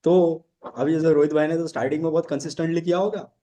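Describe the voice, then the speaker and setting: A man's voice: a little high, fairly even intonation, fast talker, dark tone. A man hosting a casual podcast chat as a dating coach, telling stories from his own life in a Hindi and English mix and laughing often.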